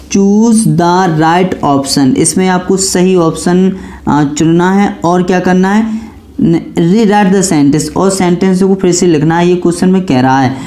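A man teaching an exam-prep grammar class in a soft, mellow voice. He poses questions to himself and answers them at once, and he hammers each rule home by saying it again. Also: sits high. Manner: repeats key points over and over.

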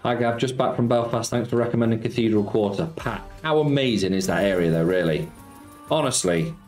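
Chatty streamer, echoey room. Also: male voice, mid-range voice, a little fast, a little mellow. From Nottingham, England. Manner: chatty, reads viewer messages aloud and greets them, cheeky banter. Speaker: slots streamer. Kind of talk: casual live-stream chat. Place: home streaming room, indoors. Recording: echoey room, faint background music.

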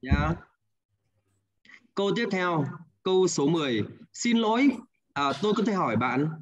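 A man with a Hanoi Vietnamese accent teaches an online English class, patiently walking students through exercises, repeating answers, checking in, and ending with "đúng không ạ?". His voice sits on the high side with big pitch swings, he talks a little slowly, and the high frequencies are cut off.

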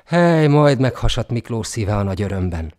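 A man reading a folk tale aloud in a dramatic, expressive storybook narration. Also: mid-range voice.

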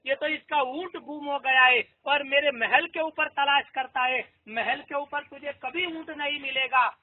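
A man telling a moral story as a devotional sermon, repeating key lines for emphasis. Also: extremely high pitch. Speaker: preacher. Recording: tinny phone-like audio.

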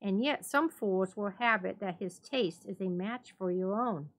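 A courteous gentleman hiding revenge behind friendly concern, voiced by a woman. The delivery is coaxing and polite, in the manner of a dramatic storybook reading. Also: medium pitch, measured pace. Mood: feigned doubt. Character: falsely friendly, vengeful gentleman feigning concern.

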